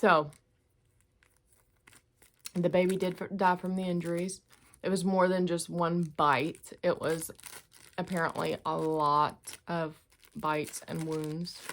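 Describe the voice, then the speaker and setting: Woman, middle-aged, lowish voice, noisy chewing, casual mukbang chat, crinkling wrappers. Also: level tone, takes it slowly, pauses often. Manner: chewing noisily while talking, mouth often full. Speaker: host of an eating video. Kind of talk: casual mukbang chat to camera, commenting on a news story.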